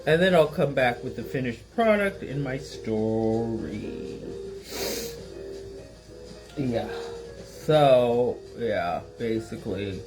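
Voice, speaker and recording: A woman's voice: rumbling low, expressive, takes it slowly, pauses often, poor audio. A woman chatting to viewers in her home kitchen as she cooks, rambling and a bit loopy from tiredness. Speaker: small business owner. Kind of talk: casual cooking vlog. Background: sizzling pan and music.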